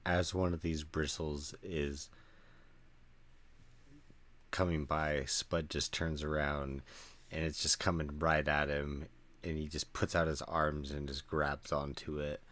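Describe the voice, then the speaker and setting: A man's voice: very deep voice, level tone, takes it slowly, fairly bright tone. A man playing a tabletop game, playfully narrating what his character does. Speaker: player.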